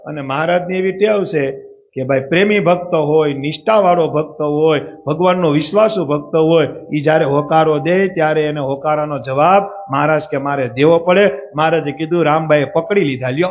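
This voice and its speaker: Male devotional storyteller, Saurashtrian Gujarati accent, rhetorical questions to the crowd, high-pitched, lo-fi sound. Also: moderate pace. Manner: asks the audience rhetorical questions. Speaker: religious storyteller. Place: religious assembly. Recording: muffled lo-fi recording.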